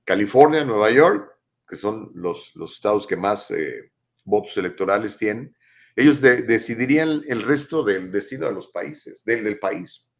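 Hosting a live talk show, this Mexican man in his fifties reads viewers' comments and responds to them. He has a fairly low voice and an animated, emphatic manner packed with rhetorical questions, yet he speaks without hurrying.

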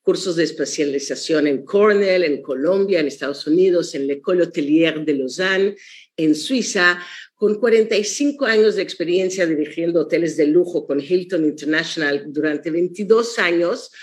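A woman's voice: fairly low pitch, normal speed. Effusive woman host. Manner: effusive, lists honors at length. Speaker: interview host. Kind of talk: warm formal introduction.

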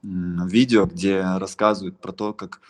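A young man from the Altai region of Russia, a beatmaker and music producer, answers interview questions in a casual, rambling, slangy way with frequent false starts. His voice is low, his delivery flat and his pace measured.

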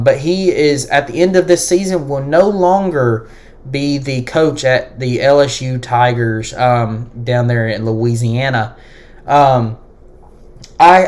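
A man hosting his own sports podcast, talking alone in a hesitant way with many fillers and restarts. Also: medium pitch. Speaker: podcast host. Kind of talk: solo sports podcast talk.

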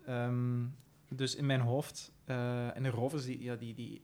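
A playwright answering interview questions hesitantly, with many fillers. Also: male voice, mid-range voice, little pitch movement, measured pace, darkish tone. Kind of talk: casual interview chat.

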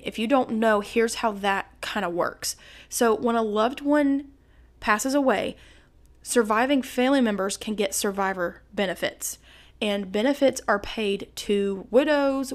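A woman's voice: medium pitch, unhurried. A woman hosting a true crime podcast, talking to listeners in an indignant, conversational way with frequent asides. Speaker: podcast host.

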